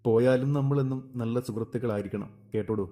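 A man reading a gentle young husband. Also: medium pitch, fairly even intonation, quick pace, faint music behind, close to an everyday voice.

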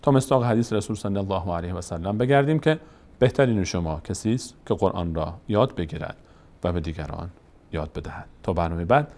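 A man teaching basic Quran reading, sounding out each letter slowly and then saying the whole word. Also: sits low, expressive, darkish tone. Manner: spells letters one by one, then says the word. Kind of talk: slow spelling drill lesson.

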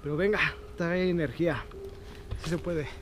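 A man's voice: a little high, brisk. A tired man, talking casually as co-explorer in a night vlog outdoors. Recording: very noisy outdoor camera audio.

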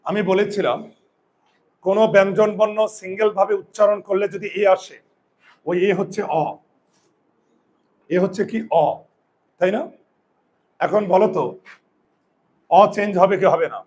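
A man's voice: high-pitched, fairly even intonation, a little slow, long pauses, a little mellow. A man teaching pronunciation, explaining step by step and often asking his students questions. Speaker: Bengali grammar teacher. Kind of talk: whiteboard pronunciation lesson.

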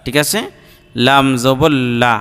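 A man's voice: medium pitch, fairly even intonation, slow, a bit bright, clear, resonant tone. A man teaching Quran reading, spelling out each letter with its vowel mark and then joining the syllables. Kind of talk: slow drilled recitation lesson. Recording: long hall reverb.

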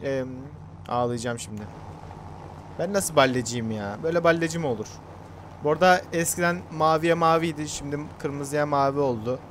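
A man's voice: on the high side, moderate pace, a bit bright, slight background noise. A young man chatting casually to his viewers while playing a farming game, joking at his own expense. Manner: chatty, self-mocking, talks to viewers. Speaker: gaming YouTuber. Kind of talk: casual gameplay commentary.

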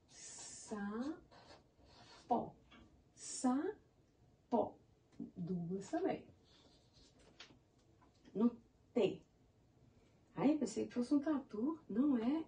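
Slow, lively-voiced Brazilian woman teacher. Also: a little high, recorded from a distance. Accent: Brazilian Portuguese. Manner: encouraging, spells words out in syllables. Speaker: primary school teacher. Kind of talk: slow, syllable-by-syllable lesson for young children.

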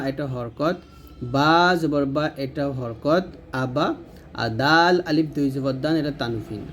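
A man with a Bangladeshi Bengali accent and a fairly high voice, teaching a recitation lesson. He talks briskly, naming each letter and mark before sounding it out. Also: slight background noise. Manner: brisk, spells letters then sounds them out. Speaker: Quran reading teacher.

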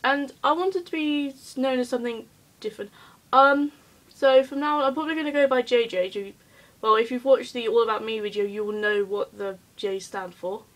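A woman's voice: a little high, moderate pace, poor audio. A woman chatting casually in a vlog, hyper and giggly, rambling with lots of ums. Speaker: vlogger.

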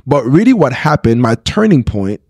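A pastor in his 30s earnestly shares his story in an interview, frequently restarting and checking "right?". His medium-pitched voice has big pitch swings, normal speed, a slightly rough and a little mellow quality, and no echo on a close podcast mic in a small studio.

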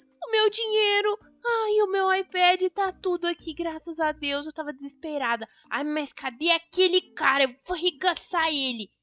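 A woman's voice: dry recording, lo-fi sound, exaggerated voice. A woman voicing a dramatic, outspoken young woman robbed by a fortune-hunter. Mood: relieved. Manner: exclaiming, high and bright.

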